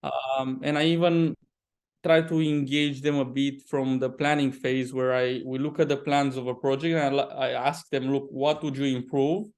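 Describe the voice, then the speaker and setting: A man's voice: medium pitch, flat delivery, darkish tone. Male interview guest, property developer type, Romanian accent, mid-range voice, conversational with stop-start phrasing. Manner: halting, often repeats words mid-sentence.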